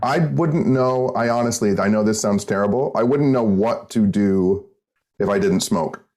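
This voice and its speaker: A man's voice: fairly low pitch, moderate pace, a little mellow. A man hosting a podcast in casual chat, candid and swearing offhandedly. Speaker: podcast host.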